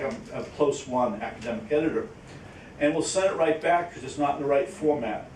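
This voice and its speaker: At a Q&A session, a man talks informally and haltingly, repeating words and acting out quotes to illustrate his examples. The room is an echoey indoor conference space, picked up by a distant mic with a roomy sound and faint rumbling noise.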